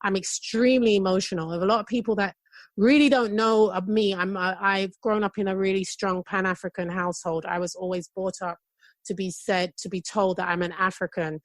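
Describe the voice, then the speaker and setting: A middle-aged woman from England with a London accent touched by Jamaican patois, chatting excitedly and rambling as a podcast guest. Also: medium pitch, fairly quick, dry recording. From United Kingdom. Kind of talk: casual chat.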